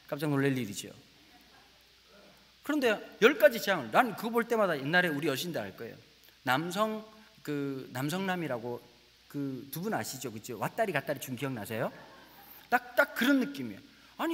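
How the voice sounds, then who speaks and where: A middle-aged man preaching a lively comic sermon as a guest pastor in a large church, storytelling with playful dialect bits. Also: a little high, in a large hall. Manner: animated storytelling, slips into rustic dialect voices for laughs; says he talks very fast.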